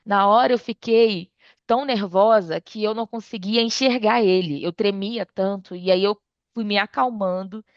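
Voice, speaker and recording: A woman, a podcast guest, telling a personal story in a casual, animated way and acting out bits of dialogue. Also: moderate pace, no echo. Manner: animated retelling, acts out dialogue with her mother. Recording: dull dry low-fidelity sound.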